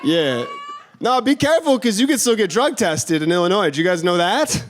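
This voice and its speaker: A young man from working a stand-up set on a theater stage. His voice sits high for a man, and his delivery is laid-back. He tags punchlines with a casual "you know?". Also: very animated, normal speed, a little hiss or hum. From Chicago. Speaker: stand-up comedian.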